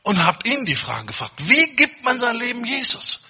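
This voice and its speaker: Husky, dramatic testimony preacher man. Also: very high voice, wildly swooping pitch, moderate pace. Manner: dramatic storytelling, acting out dialogue with swings from loud to hushed. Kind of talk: testimony sermon.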